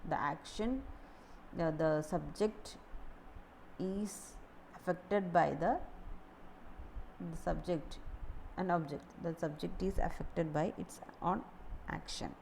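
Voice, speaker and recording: A woman teaching a grammar lesson, explaining slowly and repeating key words. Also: fairly low pitch, creaky, a little mellow, a little hiss or hum, rough recording. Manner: deliberate, repeats key words, occasional restarts.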